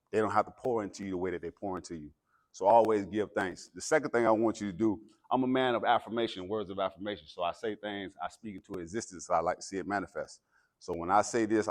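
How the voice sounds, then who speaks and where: An American man delivering a pregame pep speech as a guest motivational speaker, preacherly and emphatic. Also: on the low side. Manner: preacherly, emphatic, builds from calm talk to loud exhortation.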